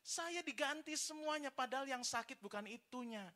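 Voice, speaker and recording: A man voicing a car that shouts and complains to its maker, whining in a shrill voice. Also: moderate pace. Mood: shrill complaint.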